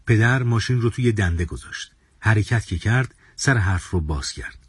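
Brief: male storyteller, solemn and measured, low husky voice, dry close recording. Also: lively intonation, dry recording. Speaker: narrator. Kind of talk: audio story reading.

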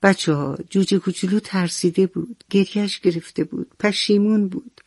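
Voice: medium pitch, fairly even intonation, a little mellow, breathy edge, no room sound. A storyteller narrating a children's story, speaking directly to the young listeners and asking them questions.

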